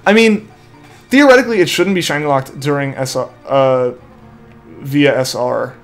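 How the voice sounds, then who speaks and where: This young adult man talks at a normal speed in a mid-range voice while streaming a game, reading viewer comments and chatting casually. He rambles, leans heavily on "like" and other fillers, and keeps restarting and trailing off. Faint music sits behind him, and his headset mic feeds back into his headphones.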